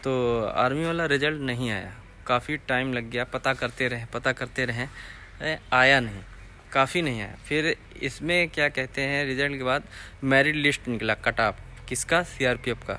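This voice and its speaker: Bright-voiced young man telling a story. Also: medium pitch, moderate pace, slight background noise. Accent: Hindi, eastern Uttar Pradesh. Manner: rambling, repeats phrases, asks viewers to comment. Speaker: vlogger telling his recruitment story. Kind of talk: casual storytelling to camera.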